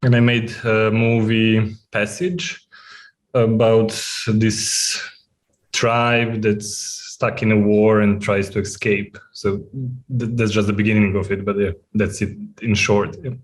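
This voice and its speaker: A man from Serbia with a low, flat voice, answering questions at a festival Q&A. He keeps things short and plain, pausing to search for words. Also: low-quality recording. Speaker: film director.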